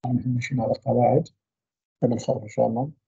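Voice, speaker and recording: A man giving a university radiology lecture, trailing off mid-phrase into drawn-out fillers. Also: medium pitch, fairly even intonation, vocal fry, dark tone, husky, no echo. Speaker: medical lecturer. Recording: dull lo-fi dry recording.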